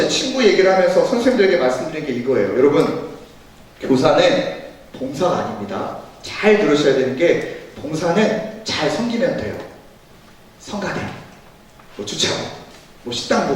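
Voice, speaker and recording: A man with a high voice gives a talk to church teachers as their education pastor, telling stories and acting out the lines. His delivery swings widely up and down. The sound comes from a distance, in a hall full of echo. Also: slight background noise. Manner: animated storytelling, acts out quoted dialogue. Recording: echoey hall, from far off.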